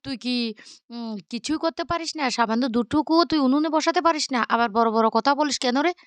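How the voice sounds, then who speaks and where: A woman voicing a sharp-tongued elderly grandmother who scolds her family. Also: high voice, quick pace, no room sound, voice pushed up, lightly acted. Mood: scolding.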